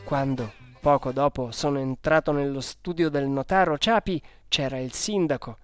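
An audiobook narrator reading a children's novel in a measured, even storytelling manner. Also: medium pitch, clear, resonant tone, faint music behind. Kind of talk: scripted narration.

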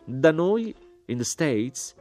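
A man's voice: fairly high pitch, very animated, drawn-out words, a little mellow, faint music behind, pitched above the performer's own voice, exaggerated voice. A man reading as a haughty, moralizing older American society woman, cold and indignant.

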